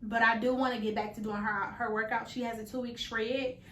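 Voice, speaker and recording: A woman's voice: fairly high pitch, flat delivery, brisk, fairly bright tone, a little hiss or hum. A woman, chatting candidly and playfully in a casual vlog with slangy asides. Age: late 20s. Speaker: vlogger. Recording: echoey room.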